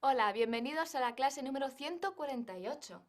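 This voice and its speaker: A woman giving a scripted English lesson, modelling phrases slowly and carefully. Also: high-pitched, animated. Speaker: English teacher.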